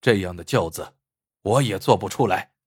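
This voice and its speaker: A man's voice: low voice, normal speed, breathy edge, voice pushed down. A man voicing a grieving older male craftsman in a spoken story, answering coldly and bitterly through tears. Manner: cold, tearful, bitter.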